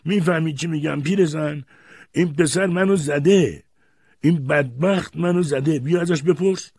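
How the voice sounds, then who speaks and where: A man voicing a mocking, quick-tempered old grandfather who jeers in shrill, drawn-out outbursts. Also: animated, darkish tone, dry recording, studio quality. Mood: outraged.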